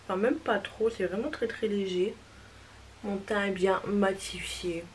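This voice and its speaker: A young woman with a medium-pitched voice chats through a makeup test. She is hesitant at times and reassuring. A faint hiss sits under the recording. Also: steady tone, measured pace, rough recording. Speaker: beauty vlogger. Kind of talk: casual makeup review.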